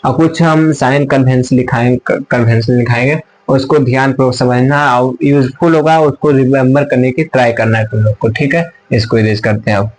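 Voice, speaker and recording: A male teacher explains rules step by step at a whiteboard. He keeps repeating himself, asks the class questions, and answers them himself. His voice sits at an ordinary middle pitch and now and then drifts farther off as he turns to the board. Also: steady tone, normal speed, few pauses, poor audio.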